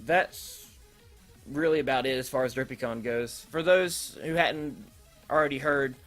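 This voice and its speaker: Electronic dance remix music backs a man hosting an online creative group's announcement video. His voice is mid-range and a bit bright, and he takes his time, making casual, unscripted announcements that ramble and hesitate as he rephrases.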